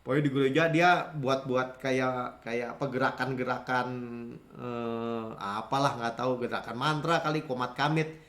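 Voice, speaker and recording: A man in his fifties from Indonesia, a pastor giving a lively conversational sermon, telling stories and acting out the people he quotes. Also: medium pitch, normal speed, echoey room. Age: 50s. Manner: animated storytelling, acting out quoted voices, frequent chuckles. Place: church sanctuary.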